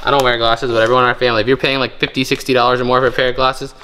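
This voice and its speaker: A young man casually narrating a vlog as he digs through a storage unit, joking and thinking out loud. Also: medium pitch, level tone, rapid-fire, a little hiss or hum. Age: young adult. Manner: chatty, joking, thinking aloud while rummaging. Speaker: storage unit treasure hunter. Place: indoor metal storage unit.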